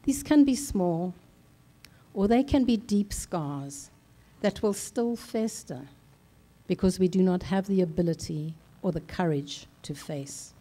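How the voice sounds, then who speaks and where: An older woman from South Africa giving a slow, deliberate personal speech at a conference, with measured, solemn pauses. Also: fairly low pitch, expressive, mellow. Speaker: conference speaker. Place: large conference hall.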